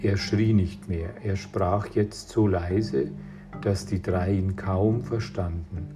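A man reading a children's adventure audiobook in a measured storytelling manner. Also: low-pitched, fairly even intonation. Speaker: audiobook reader. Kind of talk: scripted narration. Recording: reading over guitar music.

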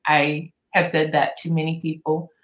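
A woman's voice: low voice, monotone, normal speed, echoey room, poor audio. A woman being interviewed as a guest, speaking candidly and laughing easily about personal matters. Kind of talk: casual chat.

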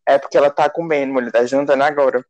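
A man's voice: mid-range voice, steady tone, very fast, a little mellow, dull audio. A man hosting a casual podcast chat, teasing and prodding his co-host.

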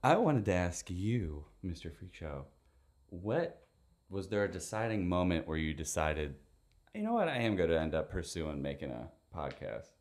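A man's voice: low voice, moderate pace. A young man hosting a podcast in casual chat, telling stories with lots of laughter. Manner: animated storytelling, laughs often. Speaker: podcast host.

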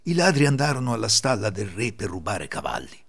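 A man reading a folk tale aloud, expressive and animated. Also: on the low side, a little fast, creaky, husky. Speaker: storyteller.

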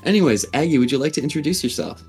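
A man's voice: on the high side, expressive, very fast, a little mellow, husky, faint music behind. A man hosting a podcast in a casual, conversational style. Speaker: podcast host. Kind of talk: casual chat.

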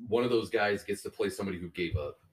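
A man's voice: lowish voice, quick pace, rough recording. A man in casual group talk, emphatic and opinionated, swearing freely. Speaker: fantasy league member. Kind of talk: casual group chat about a fantasy league.

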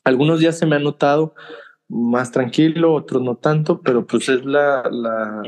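A man with a Mexican Spanish accent, a bullfighter guest on a casual podcast, telling stories in an animated, emphatic way with frank slang. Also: medium pitch, normal speed.

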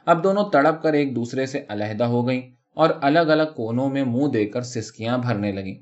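A man narrating a short story aloud in a steady, expressive reading, on a dull lo-fi recording. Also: mid-range voice. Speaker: story reader.

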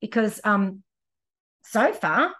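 A woman's voice: mid-range voice, very animated, slow pace, pushed and bright, slightly rough. An Australian woman hosting a podcast, chatting casually and upbeat, with easy laughs and plenty of fillers, in a cabin. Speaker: podcast host and running coach. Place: indoors in a cabin.

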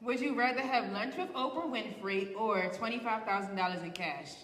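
A woman hosting an interview show, firing off quick questions, playful and quick to laugh. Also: medium pitch, crowd noise. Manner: playful, laughs often, hypes the audience. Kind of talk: rapid-fire question interview. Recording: echoey room with background noise.

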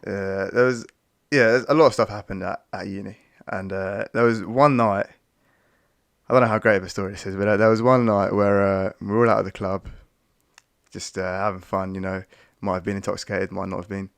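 A man's voice: fairly low pitch, fairly even intonation, a little fast, creaky, no echo. A young man, co-hosting a podcast and telling stories in a laid-back, slangy way. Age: young adult. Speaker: podcast co-host. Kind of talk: casual chat.

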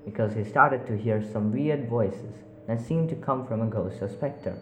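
Guy reading out a creepy story, steady and unhurried, mid pitch, echoey room. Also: soft background music. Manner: measured, unhurried reading with small slips. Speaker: narrator. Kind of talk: storytelling narration. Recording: roomy echo.

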